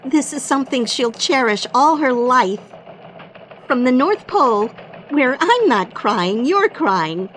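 A woman playing a cheerful Christmas elf who reports the news on radio, earnest and excitable. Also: sits high, slow, a little hiss or hum, heavily acted. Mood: touched.

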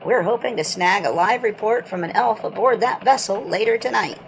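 A woman playing an eager elf field reporter in a mock radio newscast, reporting briskly and excitedly. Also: mid-range voice, highs cut off, slight background noise, lightly acted.

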